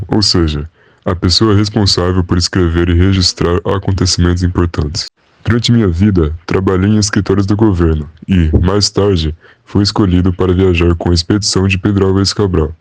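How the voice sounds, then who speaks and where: A young man playing a calm, proud Portuguese royal scribe, recounting in a measured, formal way on a school podcast. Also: sits low, dry recording, close to an everyday voice. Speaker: interviewee. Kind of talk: school podcast role-play.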